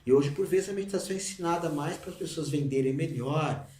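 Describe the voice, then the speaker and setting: A man's voice: a little high, fast, darkish tone. A man who teaches meditation in an informal, conversational way and sometimes chants single syllables. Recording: roomy, mic at a distance.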